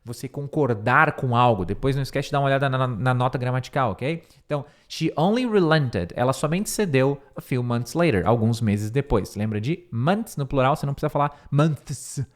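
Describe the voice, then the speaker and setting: A middle-aged man teaching an English lesson, going through a speech line by line, repeating words slowly to model pronunciation and correcting himself as he thinks aloud. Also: medium pitch.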